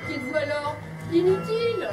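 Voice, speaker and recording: Brief: woman as a curt, bossy stage director, very high voice, echoey hall, music behind. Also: lively intonation, a little fast, far from the mic. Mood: commanding. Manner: curt, commanding. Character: bossy, impatient female theatre director. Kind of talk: live stage comedy. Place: theatre stage.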